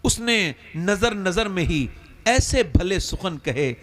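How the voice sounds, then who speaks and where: High-voiced animated man preaching a story. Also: slow pace. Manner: animated, acts out the characters in the story. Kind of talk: storytelling sermon.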